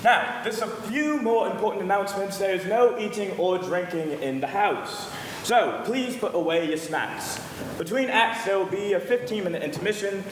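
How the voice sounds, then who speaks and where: A man's voice: sits high, lightly acted. A man playing a polite, hesitant pre-show announcer at a live theatre, reading from notes. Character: polite, unsure amateur announcer, oblivious star of the show. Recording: echoey hall, faint background noise.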